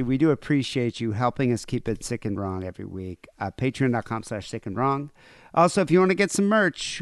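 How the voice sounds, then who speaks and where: Male podcast host, smooth clear voice, dry close mic, easygoing and rambling. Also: medium pitch, dry recording. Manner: laid-back, rambling with fillers. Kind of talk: casual podcast chat.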